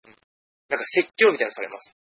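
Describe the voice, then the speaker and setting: Quick husky guy joking around on a podcast, bright edgy voice. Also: medium pitch, very animated, a little hiss or hum. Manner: quick, teasing banter. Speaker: podcast co-host. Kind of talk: casual chat.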